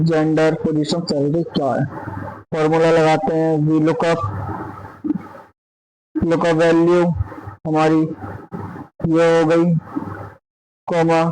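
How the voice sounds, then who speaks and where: A man's voice: fairly high pitch, a little mellow, a little hiss or hum, rough recording. Man teaching a spreadsheet lesson. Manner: explains step by step, asks the viewer questions. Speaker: Excel tutor. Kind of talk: screen-recorded software tutorial.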